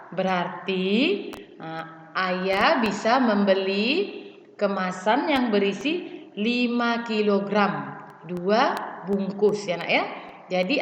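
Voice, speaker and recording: A woman teaching a primary school lesson, explaining patiently and slowly, calling her pupils "child". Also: medium pitch. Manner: slow, patient, addresses pupils as "Nak". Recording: echoey room, slightly dull, faint noise.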